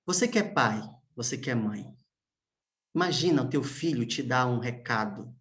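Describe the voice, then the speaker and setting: A man, a pastor preaching a sermon as emotional storytelling, with long pauses and hushed moments. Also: medium pitch, expressive.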